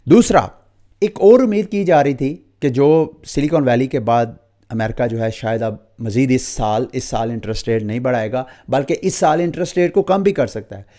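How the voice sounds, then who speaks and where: A man with a Pakistani Urdu accent talks through the latest crypto and interest-rate news as a channel host. His voice sits at an ordinary middle pitch. He speaks straight to his viewers and drops English terms into his explanations. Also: normal speed, mellow. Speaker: crypto market YouTuber. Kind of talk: market update monologue.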